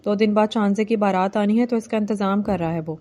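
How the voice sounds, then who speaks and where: A woman's voice: medium pitch, fairly even intonation, mellow, lightly acted. A woman voicing a caring, weary older village mother in a novel reading, affectionate and resigned.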